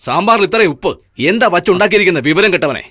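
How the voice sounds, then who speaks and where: A man's voice: high voice, animated, very fast, sharp tone, dry recording, exaggerated voice. A harsh, stern magistrate father. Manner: harsh, scolding. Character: stern, short-tempered father who is a magistrate. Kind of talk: film dub dialogue.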